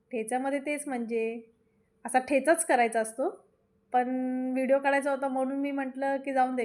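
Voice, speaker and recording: A woman's voice: sits high, darkish tone. A woman hosting a home cooking vlog, chatting homely and straight to her viewers in a casual voice-over. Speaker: cooking channel host.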